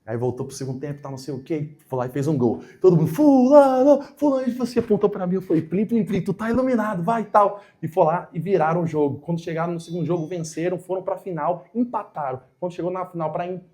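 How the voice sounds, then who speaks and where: A man with a Brazilian accent preaching a sermon, telling a story in a lively way and acting out the dialogue. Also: fairly high pitch, quick pace, hardly any pauses. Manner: animated, acts out quoted dialogue. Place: church.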